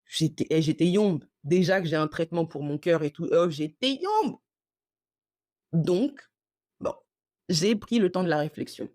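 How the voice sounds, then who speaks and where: A woman hosting a casual storytelling podcast, animated and slangy, acting out the dialogue as she tells it. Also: lowish voice, measured pace, pauses often, no room sound, clean studio sound. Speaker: podcast host.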